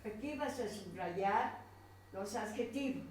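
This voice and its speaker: A woman's voice: mid-range voice, animated, slow, a little mellow, far from the mic. A woman teacher with a Colombian accent, patiently walking a pupil through a grammar worksheet and pointing at each item. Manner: patient, repeats and points at items on a page. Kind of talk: slow worksheet instruction to a pupil. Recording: very echoey room, voice off-mic, faint noise.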